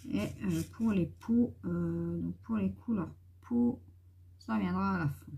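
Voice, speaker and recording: A woman's voice: fairly low pitch, takes it slowly, vocal fry, dark tone, husky. A woman chatting casually in a haul vlog, thinking aloud as she tests colors and talking familiarly to her viewers. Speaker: YouTuber presenting art markers.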